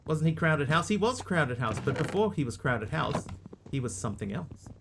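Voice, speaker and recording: In this relaxed gaming livestream, a man from New Zealand reads his viewers' messages aloud and chats back in a New Zealand accent. His slightly high voice has a sing-song lilt and some creak, moving at a moderate pace with background noise present.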